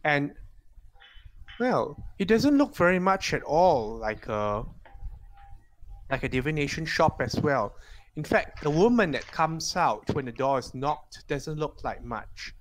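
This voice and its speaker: A game master improvising scene descriptions for a tabletop game in a halting, hesitant way. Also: medium pitch, animated, slight background noise.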